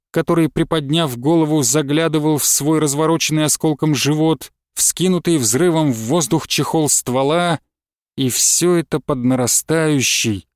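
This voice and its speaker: A man with a fairly high voice reads a novel aloud in measured, expressive storytelling. The sound is dry and close, recorded on a studio mic with no room echo. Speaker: narrator. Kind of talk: audiobook novel reading.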